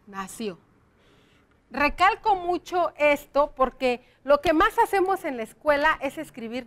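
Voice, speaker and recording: A woman teacher with a noticeably high voice leads a lesson for young pupils on educational television. She explains patiently and step by step, checking in with the children through frequent rhetorical questions. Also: fairly bright tone. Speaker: primary school teacher on educational TV.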